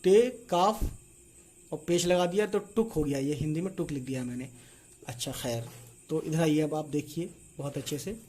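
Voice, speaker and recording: A man with a high, light voice runs a casual online lesson, spelling out letters one by one. He keeps checking in after each small point in a steady teaching rhythm. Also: fairly quick. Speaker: Urdu teacher.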